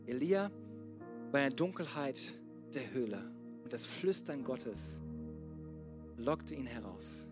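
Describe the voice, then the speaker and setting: A man preaching a sermon to a church congregation, swinging from loud urging to soft, hushed passages. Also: mid-range voice, expressive, slow, long pauses, over music. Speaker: pastor.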